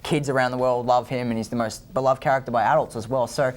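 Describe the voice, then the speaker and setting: A man's voice: medium pitch, steady tone, fast talker, natural voice. A man playing a gushing, sycophantic talk show host in a parody celebrity interview, full of eager agreement. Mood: admiring.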